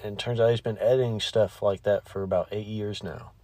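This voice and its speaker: A man's voice: on the low side, fairly even intonation, fairly quick, a little mellow, no echo. A man hosting a podcast, chatting casually and rambling, with offhand swearing. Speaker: podcast host.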